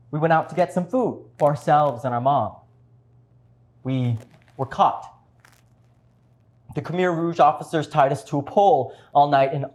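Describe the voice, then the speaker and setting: A man playing both parts in a one-man show, here as a refugee father gravely recounting his survival in a measured stage monologue. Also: mid-range voice, darkish tone, lightly acted.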